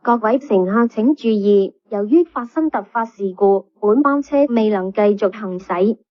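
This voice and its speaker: A woman delivers a scripted public announcement over a bus PA, her medium-pitched voice a little slow. She sounds calm, even and formal. The PA playback is dull and lo-fi.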